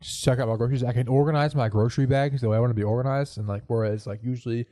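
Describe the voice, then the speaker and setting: Rapid-fire and warm, a podcast host's mid-range voice keeps a steady tone despite being congested from a cold. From a home studio in a living room corner, he chats casually and tells an anecdote, with no room sound on the recording.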